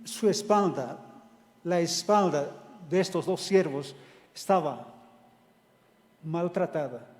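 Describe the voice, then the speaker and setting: A man's voice: a little high, slow pace, long pauses, a little mellow, big-room sound. A man preaching a sermon, who retells a scripture story step by step and then explains it.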